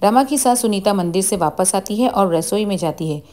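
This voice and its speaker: A woman tells a family moral story in scripted narration. Her delivery is plain and steady, at a middling pitch. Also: moderate pace.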